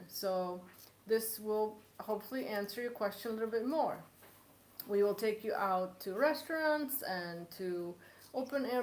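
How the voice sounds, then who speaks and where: Polish-born woman hosting a live cooking chat. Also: medium pitch. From Poland. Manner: chatty, laughs often, joking. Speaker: cooking show host. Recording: echoey room.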